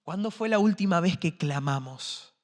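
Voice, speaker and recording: Male pastor, high voice, impassioned sermon, long church reverb. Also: lively intonation, moderate pace. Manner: impassioned, rising to shouts then dropping to quiet. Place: church sanctuary.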